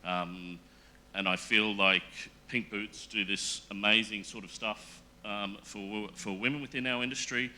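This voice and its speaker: Bright-voiced earnest man. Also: on the low side, fairly even intonation. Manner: earnest, halting with many fillers and restarts. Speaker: panel guest. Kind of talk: casual panel chat.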